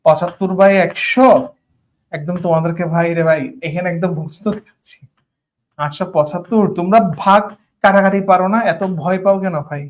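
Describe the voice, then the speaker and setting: In this online math class, the tutor's voice sits high and runs a little fast. He keeps things casual, blends English words into his speech and regularly asks if his students are following.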